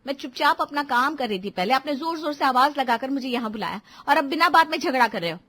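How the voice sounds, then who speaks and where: A woman's voice: high voice, animated, fast, bright, forceful tone. A woman voicing a young newlywed wife who argues back defensively with her husband. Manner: defensive, exasperated. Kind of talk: Hindi cartoon voice acting.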